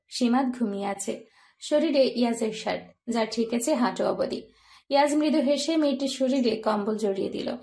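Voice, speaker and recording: A woman narrating a romance story in a soft, even storytelling voice. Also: on the high side.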